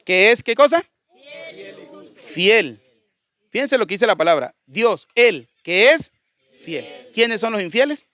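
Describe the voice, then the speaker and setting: A priest preaching a conversational sermon, often putting questions to the congregation. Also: male voice, sits high, big pitch swings, a little slow, a bit bright.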